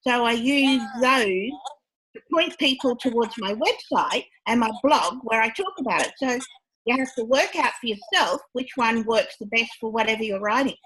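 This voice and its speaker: A woman author on a panel discussion, giving steady, practical advice. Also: on the high side, normal speed, poor audio.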